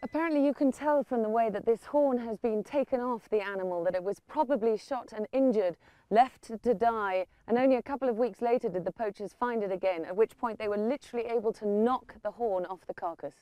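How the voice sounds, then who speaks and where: A woman's voice: a little high, fairly quick, mellow, no echo. A woman explaining a scene as a reporter would to camera.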